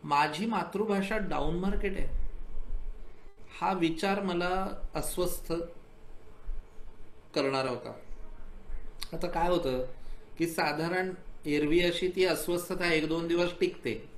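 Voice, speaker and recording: A man's voice: high voice, takes it slowly, pauses often, slight background noise. Earnest male composer, roomy sound. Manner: earnest, thoughtful, rising to passionate emphasis. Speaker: composer guest. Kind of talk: radio interview, reflective storytelling. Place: radio studio.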